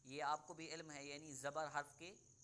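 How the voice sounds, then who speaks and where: A man teaching Quran reading in an online lesson, patiently explaining and then slowly modelling each sound for the student to repeat. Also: fairly high pitch, little pitch movement, noisy background.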